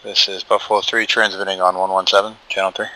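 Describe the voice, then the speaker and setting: A man's voice: deep voice, little pitch movement, fast talker, noisy background. A man giving terse radio procedure calls as a helicopter pilot in a military game, heard as a clicking radio transmission. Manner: terse, formal call signs and readbacks.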